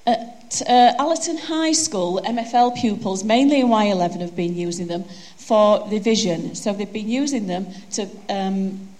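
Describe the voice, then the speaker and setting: Her medium-pitched, slightly mellow voice moves at a moderate pace with hardly any pauses. She's a broad-Yorkshire woman presenting at a conference on a handheld microphone, chatty, joking and poking fun at herself.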